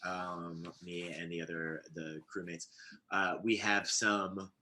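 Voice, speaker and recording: A man co-hosts a live show and rambles through casual stories, stopping and restarting often. His voice sits fairly low. His tone is very bright and forceful. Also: flat delivery. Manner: rambling, halting, many restarts. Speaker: co-host. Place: Los Angeles area.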